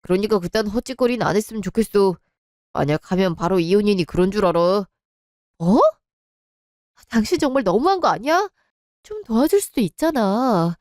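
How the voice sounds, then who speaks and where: A woman's voice: fairly high pitch, a little mellow, no room sound, studio quality, lightly acted. A woman voicing a distraught young wife and daughter, emotional and pleading. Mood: indignant.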